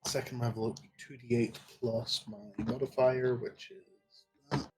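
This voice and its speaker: Mid-pitched man playing a tabletop game. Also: flat delivery, unhurried, darkish tone, faint music behind, poor audio. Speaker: player. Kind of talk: casual tabletop game play.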